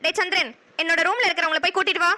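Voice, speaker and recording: A woman voicing a stern, angry mother of grown sons in a cartoon drama, speaking in a sharp, scolding way. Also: extremely high pitch, steady tone, rapid-fire, exaggerated voice. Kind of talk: cartoon voice acting.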